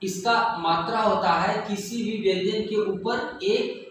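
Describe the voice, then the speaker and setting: A man teaching young children, speaking slowly and deliberately and repeating each sound for the pupils. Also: high voice, a bit bright. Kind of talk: classroom lesson for children. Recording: echoey room, mic far off, faint noise.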